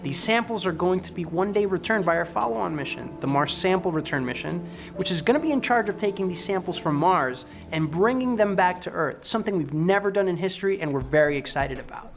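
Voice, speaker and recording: A man from Ecuador, a test and operations engineer, giving an upbeat, brisk scripted statement. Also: high-pitched, expressive, soft background music.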